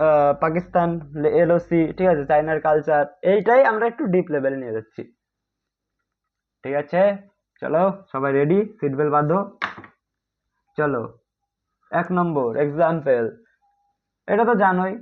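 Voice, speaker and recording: A man teaching an exam-prep grammar class online in a chatty way, often checking if students follow and calling them brother. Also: high voice. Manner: chatty, keeps asking "ঠিক আছে?"; addresses students as "bhai", mixes English terms. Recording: tinny phone-like audio.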